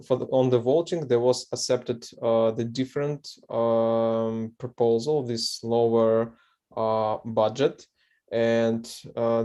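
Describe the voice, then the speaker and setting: A man giving a halting report in an online meeting, over a video call. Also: medium pitch, darkish tone. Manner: halting, many filler sounds. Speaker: community member giving a report.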